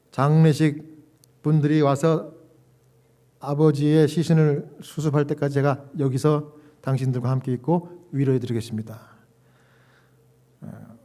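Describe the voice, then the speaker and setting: A middle-aged male pastor telling a story in a sermon, animated, laughing and acting out quoted dialogue. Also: medium pitch.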